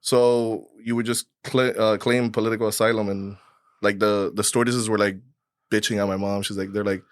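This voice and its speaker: A man born in Cuba, a podcast guest in his thirties, telling his own story in a relaxed, rambling way with many fillers and restarts. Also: lowish voice, moderate pace, no echo, clean studio sound. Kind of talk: casual storytelling.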